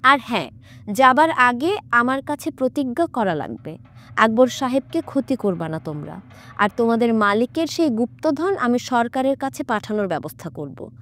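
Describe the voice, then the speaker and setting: A woman voicing a calm, commanding male exorcist in a horror audiobook, stern and mocking as he questions a spirit. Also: fairly high pitch, normal speed. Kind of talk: audiobook character voice.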